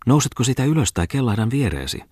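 Sly flirty farm wife as a male reader puts her on, raised husky voice, dry close sound. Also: mid-range voice, sing-song, a little mellow, dry recording, voice pushed up. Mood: teasing. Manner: teasing, giggly, coaxing. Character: sly flirtatious former farm mistress woman. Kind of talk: audiobook character reading.

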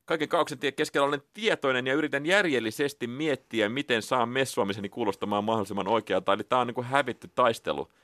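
A man's voice: mid-range voice, few pauses, dry recording, studio quality. A man on a dream-discussion panel, talking it through casually and acting out scenes as he analyses them. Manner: animated, acts out the dream scenes while analysing. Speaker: cultural critic on a dream panel.

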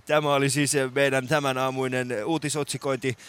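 A man's voice: mid-range voice, level tone. A man hosting a radio show with playful, mock-solemn joking chat in a studio. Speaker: radio host.

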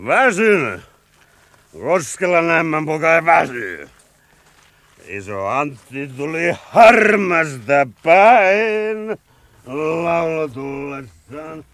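An actor playing a drunken, brawling lieutenant in a radio play, rambling in a slurred sing-song and bursting into shouts. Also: male voice, fairly high pitch, sing-song, dry recording. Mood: drowsy. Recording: rowdy crowd of men behind.

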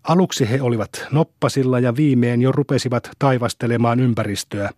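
A man narrates a classic novel as an audiobook, calm and steady. His voice sits at an ordinary middle pitch. The sound is close-miked and dry, with no room around it. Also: no room sound. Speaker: audiobook reader.

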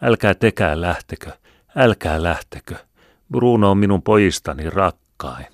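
A man's voice: sits low, expressive, no room sound, studio quality, voice pushed up. A man voicing a grey-haired mother who pleads urgently and tearfully with a young man not to go to war. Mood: pleading. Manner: urgent, imploring.

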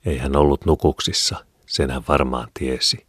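A man reading a classic novel aloud as an audiobook narrator, calm and measured. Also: extremely low pitch, breathy edge, no room sound, clean studio sound. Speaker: audiobook reader.

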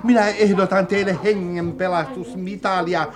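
An actress playing a fussy, smooth-talking shopkeeper hare, polite and salesy, in a radio play. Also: female voice, on the low side, steady tone, close to an everyday voice. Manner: polite and salesy, then panicky. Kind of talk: 1970s-style radio play acting. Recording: radio play with crowd bustle behind.

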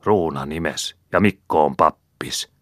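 A man's voice: extremely low pitch, fairly bright tone, no echo, clean studio sound. A man voicing a bold old folk healer who barks harsh incantations. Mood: incanting.

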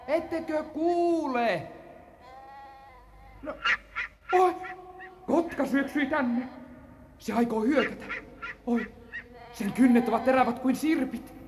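Plucky young herd boy, high and eager, played by a woman, old radio play with faint hiss. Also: natural voice. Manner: eager, breathless, excitable. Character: brave young boy Giorgio, mountain goat herder. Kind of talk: 1950s school radio drama.

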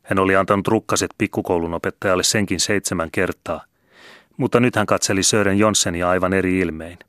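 A man calmly reading a novel aloud as an audiobook narrator. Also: low-pitched, dry recording, clean studio sound. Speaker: audiobook reader. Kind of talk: scripted narration.

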